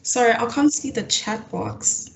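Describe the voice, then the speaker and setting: A young woman facilitating an online coding workshop over a video call, often pausing with fillers and restarting her sentences. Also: on the high side, animated, vocal fry, slight background noise. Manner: hesitant, lots of fillers and restarts. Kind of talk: live online coding tutorial.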